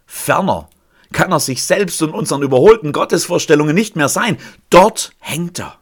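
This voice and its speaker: A man preaching a sermon, swinging between loud cries and hushed, almost whispered lines. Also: on the high side, expressive, moderate pace.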